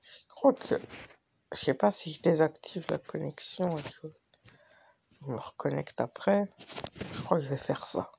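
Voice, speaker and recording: A young man doing casual gameplay commentary, his voice hoarse and cracking from being sick, muttering to himself. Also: a little high, a little slow, long pauses, background noise. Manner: frustrated swearing, muttering to himself. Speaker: gaming video host.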